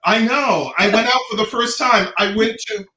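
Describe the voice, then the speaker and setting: A middle-aged American man with a bright, fairly high voice speaks casually and earnestly. He is emphatic, repeating phrases for stress, and the sound is roomy and echoing. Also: normal speed. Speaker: Pride organizer and guest. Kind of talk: animated casual talk, earnest community advocacy.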